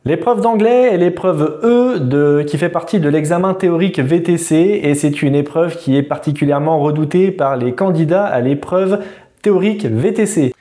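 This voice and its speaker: A man tutoring for a driving exam, talking informally straight to the viewer and reading out quiz answers slowly and distinctly. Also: fairly high pitch, warm tone. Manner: informal, addresses the viewer directly. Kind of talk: quiz lesson video.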